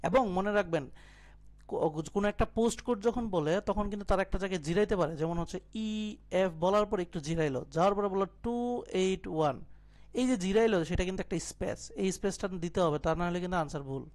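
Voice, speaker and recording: Speaking a little fast in a high, slightly mellow voice, a young IELTS tutor leads a live online listening lesson. He explains each step in turn, blends in English terms, and keeps checking that his students follow along.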